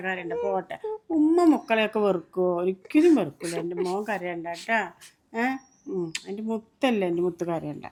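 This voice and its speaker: A woman's voice: mid-range voice, a little mellow, slight background noise, lightly acted. Woman playing a tender forgiving mother. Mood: consoling. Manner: soothing, coaxing, calls her son "my pearl". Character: loving forgiving mother of grown sons. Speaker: actor in a family web series. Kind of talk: melodramatic web series acting. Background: background music.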